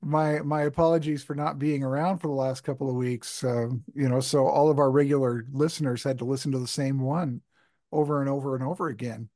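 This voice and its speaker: A man's voice: medium pitch, fairly even intonation, brisk, mellow, no echo, studio quality. A man co-hosting a podcast in casual chat, joking and rambling, often laughing. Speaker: podcast co-host.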